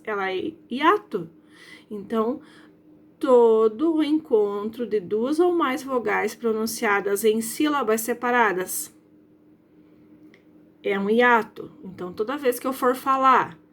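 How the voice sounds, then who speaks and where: A woman teacher from Brazil, explaining a grammar lesson to her pupils, stretching out example words and often checking whether they follow. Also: fairly high pitch. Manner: drawn-out stressed example words, frequent checking questions. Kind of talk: recorded school lesson.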